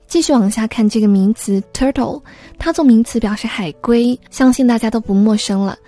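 Mellow-voiced woman teaching vocabulary. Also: fairly high pitch, normal speed, soft background music. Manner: patient, explains word by word. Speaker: English teacher. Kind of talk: vocabulary lesson narration.

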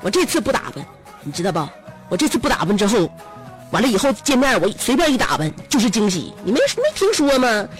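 A woman voicing her overconfident young woman friend, boastful and breezy in a higher voice. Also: big pitch swings, faint music behind. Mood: lecturing. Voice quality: boastful, breezy, quick talker.

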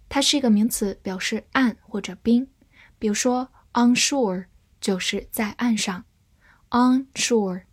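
Woman teacher, first language Chinese, steady unhurried delivery, spells each word and reads examples slowly. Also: fairly high pitch, breathy edge, dry recording. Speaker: English vocabulary teacher. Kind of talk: slow, deliberate vocabulary lesson.

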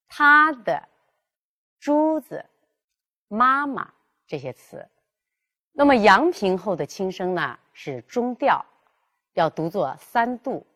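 A woman leads a pronunciation lesson with a lowish, even voice. She explains slowly and clearly, then sounds out example words one at a time. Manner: clear, measured, demonstrating tones. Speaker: Mandarin pronunciation teacher. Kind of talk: classroom lesson.

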